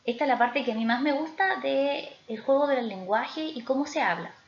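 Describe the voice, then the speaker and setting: A woman teacher explaining spelling rules in a recorded lesson, often pausing to check in with her students. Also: high-pitched, slight background noise. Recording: echoey room, slightly dull sound.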